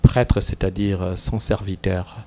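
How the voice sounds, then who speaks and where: Unhurried Congolese priest with a mellow voice. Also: male voice, low voice, level tone, slight background noise. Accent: Congolese French. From Democratic Republic of the Congo. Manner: measured, hesitant, many pauses and fillers. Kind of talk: casual interview talk, mixing French and Lingala. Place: TV studio.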